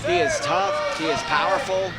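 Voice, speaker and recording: Male wrestling color commentator, high register, emphatic, heavy crowd noise behind. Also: fairly even intonation, moderate pace. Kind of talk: live sports commentary. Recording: loud music and crowd noise. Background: loud music and crowd.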